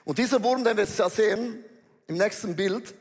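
A man's voice: sits high, moderate pace. A man preaching a sermon to a congregation, emphatic and slangy, dropping in English phrases. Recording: reverberant hall.

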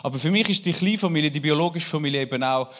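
A man's voice: fairly high pitch, rapid-fire. A pastor with a Swiss German accent preaching a sermon and speaking personally to his congregation. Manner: warm, personal address to the congregation.

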